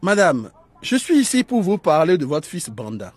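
A man's voice: on the high side, sing-song, moderate pace, slightly rough, dry recording. An actor playing a kindly, courteous male doctor in a radio drama, reassuring and polite.

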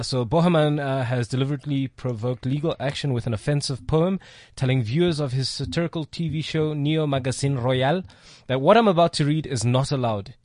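A man's voice: medium pitch, a little mellow, no echo. A man co-hosting a comedy podcast, reading news items aloud with his own asides.

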